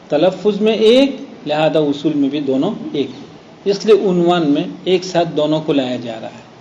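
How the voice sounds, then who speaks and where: A man teaching a Quran recitation class. He explains slowly, draws out the example words and checks that students follow. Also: fairly high pitch, dark tone. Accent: Gujarat Urdu. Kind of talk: classroom lesson. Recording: dull lo-fi classroom recording with faint noise.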